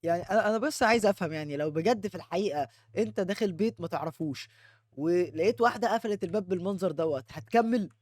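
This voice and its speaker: A young man with an Egyptian Arabic accent giving jokey let's-play commentary on a horror game, swinging from muttering to panicked yelling. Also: sits high, rapid-fire. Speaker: gaming YouTuber.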